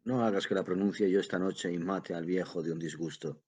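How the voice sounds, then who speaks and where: A man's voice: deep voice, husky. A man doing a weary, patient grown son. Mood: bitter. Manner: calm, measured reading.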